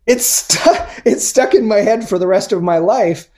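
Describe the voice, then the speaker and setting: A middle-aged man in casual chat about music, animated and rambling, swearing freely and trailing off into fillers. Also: high voice, normal speed.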